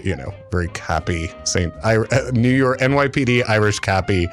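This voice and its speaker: A man guesting on a radio show, rambling and jokey, his speech full of "uh"s and restarts. His voice sits a bit low, and faint music hums underneath. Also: animated, moderate pace. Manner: rambling, jokey, lots of filler words. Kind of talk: casual on-air chat. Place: radio studio.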